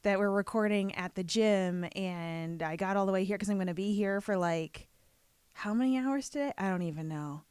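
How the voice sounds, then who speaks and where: A woman's voice: medium pitch, moderate pace, darkish tone, smooth, dry recording. A woman hosting a podcast in casual chat, rambling along in a self-deprecating way. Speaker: podcast host. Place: room at a gym.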